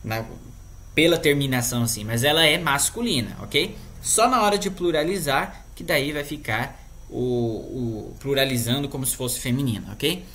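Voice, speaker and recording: A woman's voice: extremely low pitch, moderate pace, a bit bright, a little hiss or hum. A woman with a Brazilian Portuguese accent teaching a language lesson in a casual, chatty way, checking in with her students often.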